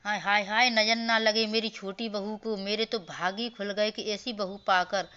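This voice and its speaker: A woman's voice: mid-range voice, steady tone, moderate pace, sharp tone, clean tone, lo-fi sound, natural voice. A woman voicing a nagging older mother-in-law in a cartoon story, scolding as she talks. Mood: praising. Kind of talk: storybook voice acting.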